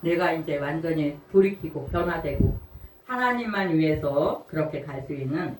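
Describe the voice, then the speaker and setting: A woman's voice: low voice, normal speed. A woman in her sixties gives a sermon in a conversational way, telling personal stories, laughing often and asking the congregation questions. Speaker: preacher. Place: church sanctuary. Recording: echoey church hall, mic far off, faint noise.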